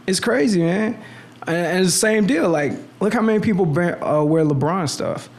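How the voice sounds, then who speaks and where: A young clothing designer, a Navy brat born in the Philippines who lived in Miami, guests on a casual podcast in a small studio room. He is an animated storyteller at a moderate pace, full of slang and frequent restarts, speaking into a boom mic on an arm at the table.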